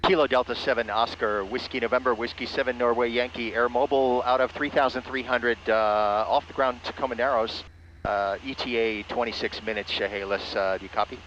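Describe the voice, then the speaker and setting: Guy flying a small plane, quick radio talk and cockpit narration, muffled headset, faint engine noise. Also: medium pitch, fairly even intonation, a bit bright. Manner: clipped procedural radio phrasing. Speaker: pilot and ham radio operator. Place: small airplane cockpit in flight. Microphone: aviation headset. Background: light aircraft engine noise.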